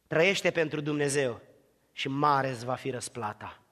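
A man preaching a sermon with great passion. He builds to shouted crescendos of repeated phrases, then drops to soft, low passages. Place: church hall. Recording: reverberant hall.

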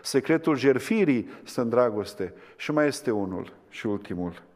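A man preaching a sermon, swinging between impassioned climaxes and hushed, quiet lines. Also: medium pitch, lively intonation. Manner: impassioned, rising to fervent climaxes then dropping to hushed tones. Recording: long hall reverb.

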